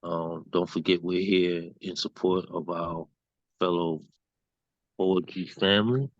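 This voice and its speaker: A man hosting an online open mic, relaxed and hesitant with frequent ums, over a video call. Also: sits low, slow, no echo. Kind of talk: casual hosting. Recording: dull dry video call audio.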